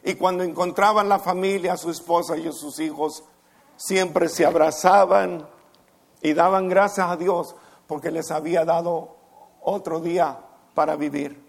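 A man preaching a heartfelt sermon at a church service, pausing often and addressing listeners as brother. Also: a little high, steady tone, vocal fry. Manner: slow, heartfelt preaching with long pauses, calls listeners brother. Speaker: pastor.

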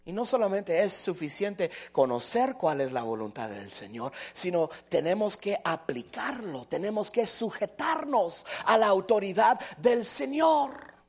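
A male preacher with a high voice delivers an impassioned sermon. He swings between loud declarations and near-whispered asides and stretches his phrases into a chanting cadence. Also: big pitch swings, a little slow, breathy edge.

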